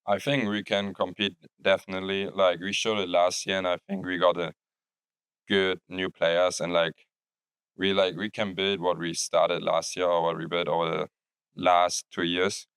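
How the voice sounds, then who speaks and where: A man's voice: low voice, level tone, normal speed, fairly bright tone, clear, resonant tone, no room sound. A young man, a college soccer player giving interview answers in simple, repetitive phrasing. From Germany. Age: young adult.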